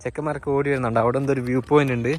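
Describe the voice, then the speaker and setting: A man's voice: medium pitch, fairly even intonation, racing, slight background noise. A man travel vlogger casually narrating outdoors while walking through hills and a market, chatty and guiding viewers. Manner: chatty, guiding viewers, often tags sentences with "you know". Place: outdoors on a tea estate, hills and a village market.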